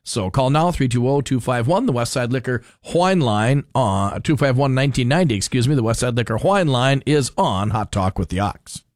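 A man's voice: medium pitch, animated, normal speed, few pauses, dry recording, clean studio sound. A man announcing live as a radio host.

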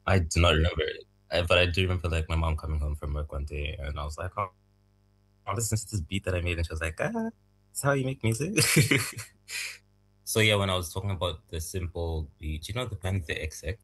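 Very deep husky-voiced young man. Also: low-quality recording. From Zambian, raised in Malawi. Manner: soft-spoken, thoughtful, halting, laughs lightly. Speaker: music producer, guest. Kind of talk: relaxed interview answers.

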